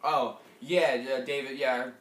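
A man's voice: mid-range voice, steady tone, takes it slowly, fairly bright tone. A young man in casual talk and prank calling, rambling and repeating himself. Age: young adult. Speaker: prank caller. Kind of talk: casual chat and prank call. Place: small furnished room at home. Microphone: camera a short distance away. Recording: echoey room, noisy camera mic.

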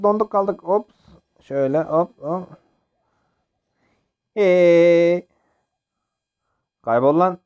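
A man's voice: mid-range voice, clear, resonant tone. A young man giving casual, jokey commentary while playing a mobile game, often yelping and laughing. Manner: excitable, jokey, yelps and laughs during play. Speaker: gaming channel host.

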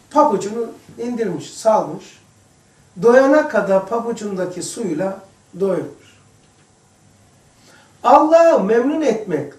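A man giving an informal religious lesson to a small group, chatty and addressing listeners by name, moving between hushed asides and emphatic passages. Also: high voice. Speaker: religious teacher. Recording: echoey room, distant mic.

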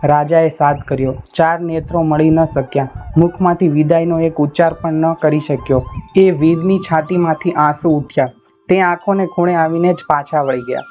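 A man telling a folk tale in a measured, poetic narrating style. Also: fairly high pitch, fairly even intonation, a little mellow. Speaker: storyteller. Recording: dull lo-fi recording with faint instrumental music.

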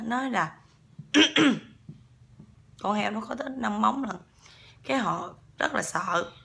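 A woman's voice: mid-range voice, vocal fry, a bit bright, slight background noise. A woman with a Southern Vietnamese accent telling a ghost story in a casual, chatty way and often talking straight to her listeners. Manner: chatty, keeps addressing the listeners.

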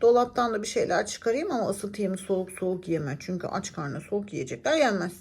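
A woman's voice: medium pitch, expressive, fairly quick, darkish tone, slightly rough. A woman voicing a chatty, suspicious mother in a children's doll-play story, mildly scolding. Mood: fussing.

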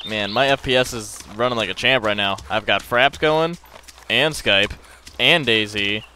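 Over a headset mic with a little hiss or hum, a young man with a fairly low voice and measured pace plays a zombie survival game with a friend for his gameplay channel. He rambles casually, cracks crude jokes, and occasionally erupts with excitement.

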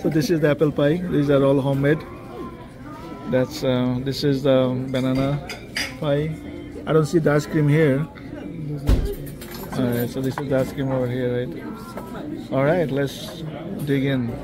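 Over background music, a man with a mid-range voice talks in an unhurried, flat way, leaving long pauses. He's a travel vlogger shooting a casual food vlog on a handheld camera, walking through restaurants and streets both indoors and outdoors, praising the food in plain, friendly words. The recording carries noisy handheld camera audio.

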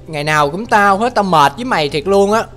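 A man's voice: high-pitched, expressive, fast, a bit bright, soft background music. A man chatting on a livestream as he reads out viewer comments, ranting in a brash, crude, mock-exasperated way. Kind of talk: casual livestream chat.

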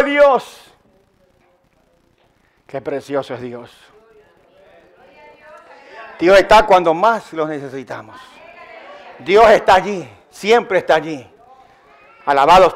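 A male pastor preaches a Sunday sermon at a strikingly high pitch. He speaks slowly and emphatically, repeating his phrases and calling on the congregation to answer back. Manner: emphatic, repetitive call-and-response preaching. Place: church service. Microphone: live-streamed sermon.

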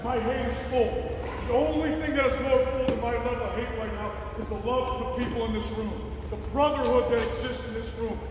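Male football coach, intense rousing pep talk, very high raised voice, heard far off in a reverberant gym. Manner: intense, rousing, shouting to a group. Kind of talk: pregame motivational speech. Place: large indoor school gymnasium. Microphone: phone camera several meters away. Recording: echoey gym, distant mic, crowd noise.

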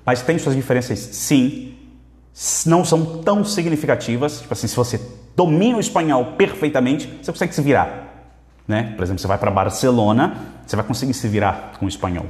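Energetic Brazilian man teaching, echoey room. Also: mid-range voice. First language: Portuguese. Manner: reads viewer questions aloud, repeats phrases, energetic. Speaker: Spanish teacher. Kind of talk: live Q&A lesson. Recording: echoey room with long reverb.

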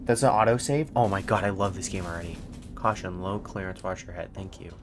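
A young man streams a horror game, his low voice running a little fast over music as he offers scared, jumpy commentary and sweary, sarcastic asides. Horror game ambience and game noise, ranging from faint to clear, sit behind his voice.

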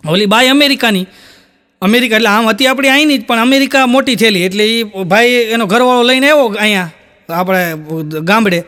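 A man's voice: extremely high pitch, fairly quick, pushed and bright, clean tone. A man with a Kathiyawadi Gujarati accent telling jokes on stage, piling on "he said" tags as he tells stories. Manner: storytelling full of "he said" tags. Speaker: stand-up comedian. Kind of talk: live stand-up joke telling.

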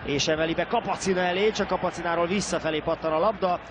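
A man's voice: high voice, steady tone. A man giving live football match commentary as a commentator. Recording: broadcast with clear stadium crowd noise. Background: stadium crowd.

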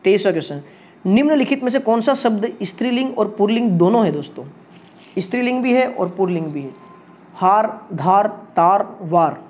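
High-voiced teacher, coaxing. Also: male voice, moderate pace. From India. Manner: lively and coaxing, quizzes viewers with questions. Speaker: Hindi exam coaching teacher. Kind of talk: solving test questions for viewers.

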